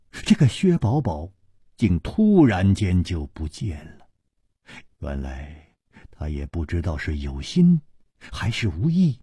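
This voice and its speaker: A man telling a martial arts story theatrically, swinging between hushed and loud delivery. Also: deep voice, husky, dry recording, studio quality. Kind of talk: dramatic audiobook storytelling.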